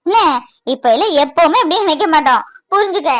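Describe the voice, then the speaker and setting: Cartoon: kind sister-in-law voiced by a woman, high pitch, dry sound, reassuring. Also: lively intonation, fairly quick, no echo. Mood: soothing. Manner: soothing, reassuring. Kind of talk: cartoon voice acting.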